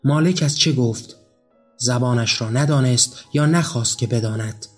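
A man reads a literary story aloud in a measured, somber voice of ordinary pitch. Soft music plays faintly under his narration.

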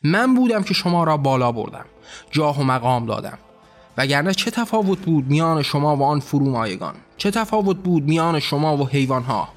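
A man's voice: a little high, sing-song, soft background music. A man voicing a furious ranting god. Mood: raging. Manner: bellowing, scornful tirades. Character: wrathful ranting male god ruler.

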